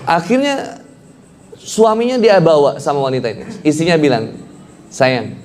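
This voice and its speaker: A man's voice: a little high, moderate pace. A man preaching with humorous storytelling and a tinge, often laughing as he jokes. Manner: joking, animated, laughing often. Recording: noisy live gathering.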